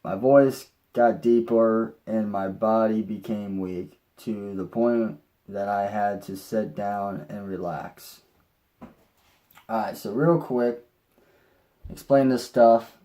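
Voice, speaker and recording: Slow-talking man with a dark voice. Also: on the low side. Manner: rambling, with restarts and mild swearing. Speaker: vlogger. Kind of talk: casual personal storytelling.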